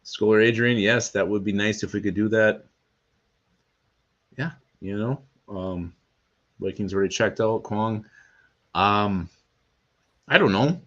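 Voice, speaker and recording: A man's voice: fairly low pitch, measured pace, long pauses, a bit bright, highs cut off. A man co-hosting a casual live sports show, teasing his partner and reading viewer comments aloud. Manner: teasing, laughs often, reads viewer comments. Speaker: sports podcast co-host.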